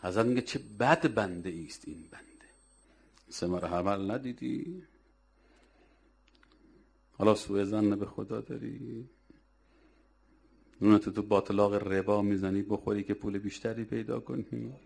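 A man's voice: lowish voice, fairly even intonation, vocal fry, pauses often, a little mellow, slightly rough. A man preaching a religious sermon, exhorting and scolding his listeners with rhetorical questions.

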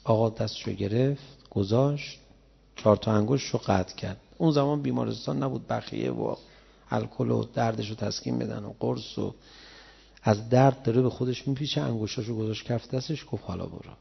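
A man preaching a sermon, telling stories in a conversational way and rising to loud emotional cries. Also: medium pitch, creaky, husky. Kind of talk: sermon with storytelling. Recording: dull lo-fi sound with long hall reverb.

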